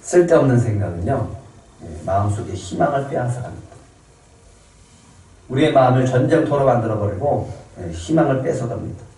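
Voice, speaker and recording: Pastor guy preaching sunday sermon, mellow tone, keeps asking the crowd stuff, big echoey church sound. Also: medium pitch, animated, a little fast. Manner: emphatic, repeats phrases, asks the congregation questions. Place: church sanctuary. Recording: echoey church hall, mic at a distance.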